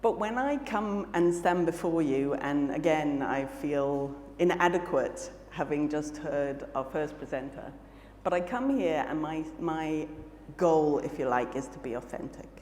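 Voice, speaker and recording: On stage in a big conference hall, a Malawian woman delivers a keynote, jet-lagged, earnest and reflective, with plenty of fillers and restarts in her blended British and South African accent. She has a low, somewhat mellow voice with lively intonation and a measured pace. The recording is echoey, with faint ambience and a little hiss or hum.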